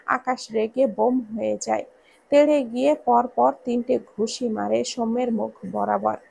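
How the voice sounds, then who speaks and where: A woman's voice: fairly high pitch, fairly even intonation, measured pace, creaky, dark tone, husky, low-quality recording. A woman reading a romance story aloud as narrator, raising her voice when she voices the quarrelling characters.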